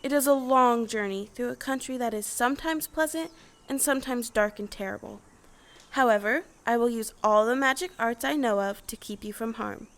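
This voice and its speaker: A woman acting a kindly old good witch in a stage audio play, with deliberate, formal, solicitous speech. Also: on the high side, a bit bright. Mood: kindly, grave.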